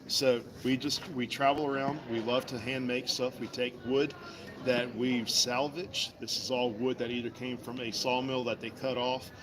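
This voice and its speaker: Surrounded by a busy mall crowd whose chatter fills the background, a man from Virginia shows off wood carving at his vendor table. He speaks with medium pitch, a level tone and moderate pace, friendly and folksy with the customers who pass.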